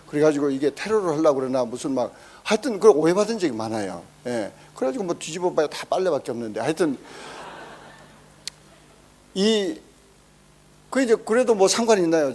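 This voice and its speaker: A man preaching a sermon, telling a story with animated exclamations and acting out quoted speech. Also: a little high. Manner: emphatic exclamations. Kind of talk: sermon testimony.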